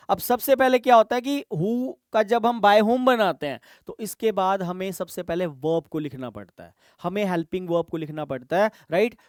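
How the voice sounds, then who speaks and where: High, crisp-voiced male grammar teacher. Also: no echo, studio quality. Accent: Indian English. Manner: explains step by step, mixing in English examples, checks in with "right?". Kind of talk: exam-prep lesson.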